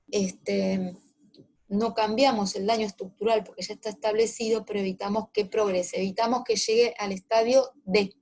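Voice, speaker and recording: A woman's voice: mid-range voice, mellow. A woman giving a medical lecture on clinical cases, explaining and reminding students of key points.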